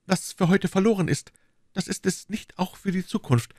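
Male reader doing a young secretive woman, urgent and pleading, raised pitch, lively. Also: normal speed, no room sound, studio quality. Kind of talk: audiobook reading.

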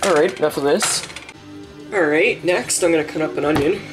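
A man's voice: a little high, brisk. A young man chatting casually while cooking in his home kitchen, rambling with lots of fillers and the odd swear word. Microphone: handheld camera mic. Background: music playing in the kitchen.

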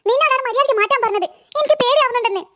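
A woman's voice: very high voice, racing, bright, forceful tone. A woman voicing a timid little girl in a cartoon who is scared of ghosts and keeps whining and calling for her mother. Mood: whiny. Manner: pleading, whining, calls for mother. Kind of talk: cartoon voice acting.

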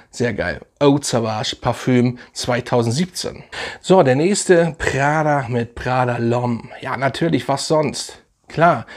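A young man casually reviewing fragrances in a vlog, enthusiastic and slangy, rambling with fillers. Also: medium pitch.

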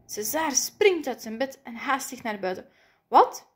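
A woman reading a children's picture book aloud, lively and playful. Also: on the high side, moderate pace, husky. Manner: lively, playful voices for the characters. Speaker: storybook reader.

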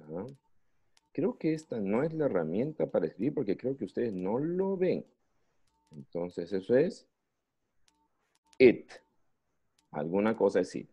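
Over slightly dull, lo-fi video-call audio from a computer mic, a man with a mid-range, slightly rough voice leads an online English lesson for young learners. He has a Peruvian Spanish accent and keeps things lively and playful, asking question after question, coaxing the children to join in, and joking to hold their attention.

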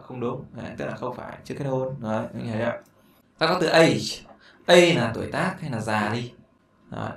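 A man with a Vietnamese accent teaching a beginner English lesson, chatty, repeating words often and breaking in with fillers and asides. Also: mid-range voice. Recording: echoey room with faint noise.

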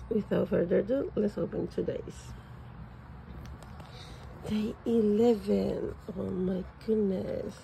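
At a table at home, a vlogger slowly talks through a toy unboxing in casual chat, gushing with excitement over each piece. Her mid-range voice is very gravelly and raspy, with a mellow, dark tone. The recording is rough, with faint room noise behind her.

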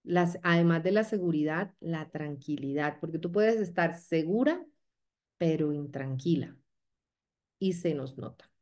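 A woman's voice: deep voice, a little slow, darkish tone. A woman giving a motivational training talk to her sales team, coaching them and checking in often with short questions.

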